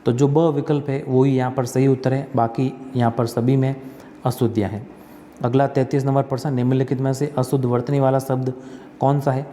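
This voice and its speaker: A man teaching an exam-prep spelling lesson, asking and answering his own questions and repeating words slowly. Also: mid-range voice, level tone, mellow, in a large hall, slight background noise.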